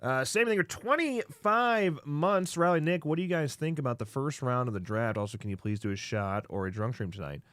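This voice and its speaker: A man's voice: mid-range voice, lively intonation, fairly quick, few pauses, fairly bright tone, no echo, studio quality. A man in his thirties chatting casually as a co-host on a live stream. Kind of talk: casual chat.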